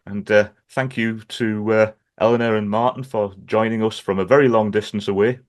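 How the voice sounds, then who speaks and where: Low-voiced Gateshead man hosting a podcast. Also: fairly even intonation, moderate pace. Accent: Gateshead, North East England. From Gateshead, North East England. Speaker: podcast host. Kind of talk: casual chat.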